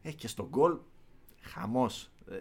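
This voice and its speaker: A man chatting casually, telling an excited story of a football night and acting out the chants. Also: medium pitch, breathy edge. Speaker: podcast guest recounting a match trip. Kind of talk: casual chat.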